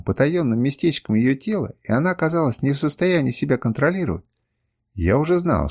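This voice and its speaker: Expressive male audiobook narrator. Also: fairly high pitch. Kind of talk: first-person audiobook narration.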